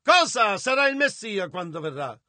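A man interpreting a sermon with emphasis, at times breaking into shouts. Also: high-pitched, very animated, moderate pace, no echo.

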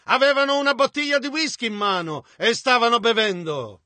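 A man giving a translated voice-over of a sermon, relaying the preacher's words in a measured, steady way. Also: very high-pitched, no echo. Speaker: interpreter.

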